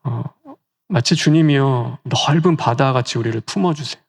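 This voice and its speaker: A man's voice: medium pitch, moderate pace, vocal fry, breathy edge. A male pastor giving a sermon in a conversational way, often asking the congregation rhetorical questions.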